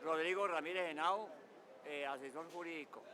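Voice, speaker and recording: A man's voice: a little high, moderate pace, a crowd in the background. A man with a Cali Colombian accent interviewed in the street about the people of his city. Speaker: legal adviser interviewed in the street.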